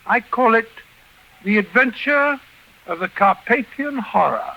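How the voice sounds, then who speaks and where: An actor playing a blustery, fussy British gentleman doctor and loyal companion in a 1940s radio drama, given to stammering. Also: very high voice, expressive, unhurried, vocal fry, dull audio, exaggerated voice. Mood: genial storytelling. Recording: noisy old 1940s radio recording.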